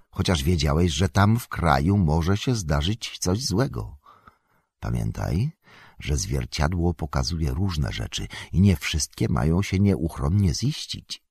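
A man voicing an ancient elven queen who is calm, wise and gentle, giving measured, solemn counsel. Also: rumbling low, gravelly, husky, no echo, studio quality, exaggerated voice. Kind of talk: audiobook character voice.

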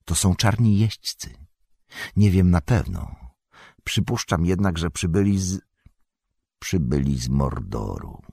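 A man voicing a grim, watchful male ranger who speaks calmly and measuredly. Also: breathy edge, no echo, studio quality, full character voice. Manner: calm, low and measured.

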